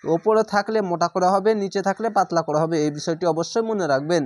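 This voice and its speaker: Teacher, man, high voice, dry close sound; spells letters, then chants each word slowly. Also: no echo. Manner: slow drawn-out chanted recitation between plain explanations. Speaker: Quran recitation teacher. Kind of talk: spelling out and reciting Arabic verses letter by letter.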